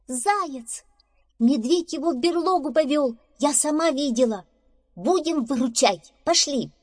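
A bold little squirrel, as a woman reading a tale puts her on, bosses the others around in a high, bright voice. She speaks briskly and with command, and her pitch swings a lot. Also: expressive. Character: bold, bossy female squirrel.

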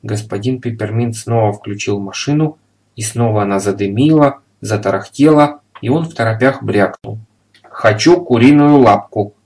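A man narrating a children's storybook in a lively, expressive reading. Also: on the low side, moderate pace. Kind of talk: audiobook narration.

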